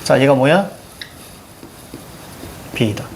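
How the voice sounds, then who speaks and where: A middle-aged man teaching a reading lesson, emphatic and constantly quizzing his students with quick check-in questions. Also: medium pitch, expressive, a little mellow, a little hiss or hum.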